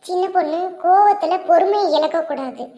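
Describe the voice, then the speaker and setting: A gentle, high-voiced cartoon sister-in-law who speaks softly and patiently and coaxes the others to calm down, voiced by a woman. She is measured and soothing. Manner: soft, soothing, slow.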